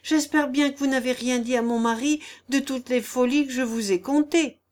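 A woman's voice: high-pitched, steady tone, moderate pace, a little mellow, voice pushed up, lightly acted. Woman doing a coy, flustered noblewoman.

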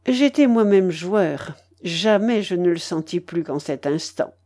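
Woman audiobook narrator, slow, lively melody, mellow tone, somewhat high. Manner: slow, expressive storytelling.

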